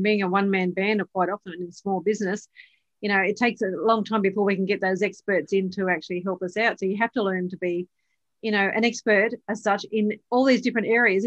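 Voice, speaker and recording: A woman with a mid-range voice hosts a podcast, moving from a scripted intro into a casual interview where she asks encouraging questions, often ending with tag questions. The recording is muffled, with no room sound.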